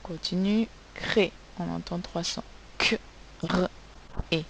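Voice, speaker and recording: A woman teaching children to spell in a recorded lesson, speaking slowly and patiently as she sounds out each letter. Her voice sits a little low. A faint hiss runs under the recording. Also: fairly even intonation, creaky, poor audio. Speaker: primary school teacher.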